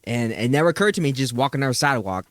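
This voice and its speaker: A young man hosting a podcast, telling childhood stories in a lively way, laughing and swearing freely. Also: mid-range voice, racing, no echo. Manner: animated storyteller, laughing, swearing. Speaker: podcast host. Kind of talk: casual chat.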